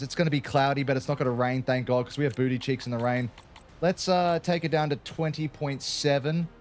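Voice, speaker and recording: Chatty Australian man commentating a race game. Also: mid-range voice. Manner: chatty, jokey, peppered with "mate". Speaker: gaming channel host. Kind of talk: casual gameplay commentary.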